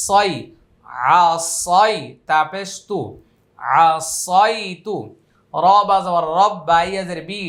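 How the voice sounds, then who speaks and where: A high-pitched Bangladeshi man teaching Quran reading, calling out letters and vowel marks in a brisk drill. He then stretches the syllables into a slow, drawn-out chant. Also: a bit bright. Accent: Bangladeshi Bengali. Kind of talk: spelling out Quran recitation letter by letter.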